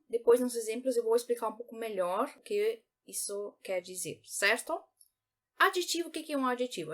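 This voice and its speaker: A woman giving a language lesson, patiently repeating example words slowly. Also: a little high. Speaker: German teacher.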